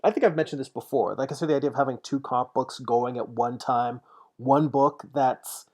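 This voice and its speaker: A man's voice: medium pitch, brisk, darkish tone. A man in his forties chatting casually as he paints on a livestream, thinking aloud and answering viewer comments. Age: 40s. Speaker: digital painter streaming his work.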